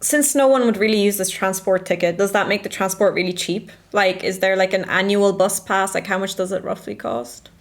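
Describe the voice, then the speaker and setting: A woman's voice: mid-range voice, fairly even intonation, brisk, hardly any pauses. A young woman hosting a casual student interview, chatty and full of "like" fillers.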